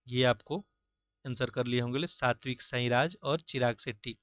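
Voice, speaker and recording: A man working through mock-test questions as an exam-prep teacher, reading each question and its options, then giving the answer in a steady, explanatory way. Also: mid-range voice, normal speed, no room sound, lo-fi sound. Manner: steady, explanatory, repeats filler "jo hai".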